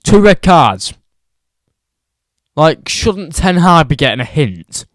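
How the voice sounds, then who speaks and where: A man's voice: on the high side, big pitch swings, slow, dry recording, clean studio sound. A young man ranting about football results, exasperated and repeating his points for emphasis. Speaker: football vlogger.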